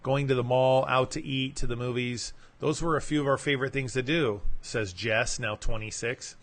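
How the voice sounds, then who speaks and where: A man's voice: mid-range voice, fairly even intonation, moderate pace, a bit bright. A podcast host reading a magazine article aloud, adding casual asides of his own. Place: home setup, broadcasting live.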